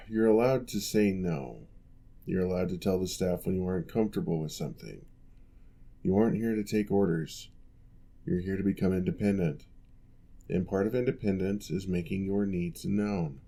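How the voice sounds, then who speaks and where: In this ASMR roleplay, a man plays an orc general turned patient physical therapist, offering calm, measured guidance. His deep, creaky voice carries a reassuring mood.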